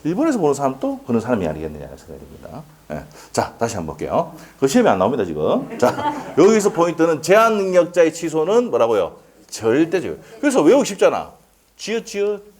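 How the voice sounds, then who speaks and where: A man's voice: a little high, wildly swooping pitch, fast, a little mellow. A man giving a casual law lecture to a class, asking questions and answering them himself and laughing often. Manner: laughs often and jokes with students.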